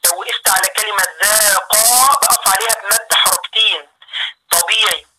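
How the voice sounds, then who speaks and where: A woman's voice: medium pitch, fairly even intonation. Encouraging Egyptian woman teacher, noisy line. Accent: Egyptian Arabic. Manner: patient and encouraging, drawing out words slowly to demonstrate. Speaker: Quran recitation teacher. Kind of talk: online class teaching. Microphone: phone.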